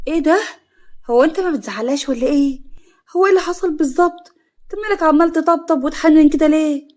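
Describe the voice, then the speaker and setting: A woman's voice: a little high, quick pace, darkish tone, close to an everyday voice. A woman voicing a meddling, scheming mother-in-law with an Egyptian accent, wailing and melodramatic. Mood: indignant.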